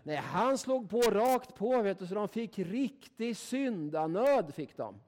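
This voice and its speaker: High-voiced, folksy Swedish-speaking preacher man. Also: sing-song, a little mellow. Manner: folksy, emphatic, keeps asking "va?". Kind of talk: sermon.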